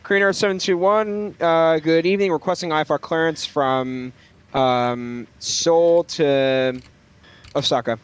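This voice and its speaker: A man's voice: on the high side, fairly even intonation, unhurried, smooth. A man streaming a flight simulator, making pilot radio calls from the cockpit into a headset, hesitant and full of fillers.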